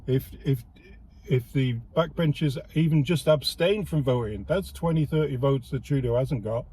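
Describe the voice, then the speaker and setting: A man's voice: medium pitch, warm tone, slightly rough. A man from the United Kingdom with a British accent, hosting a casual political commentary show, heated and sarcastic, stumbling and repeating words as he goes. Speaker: host.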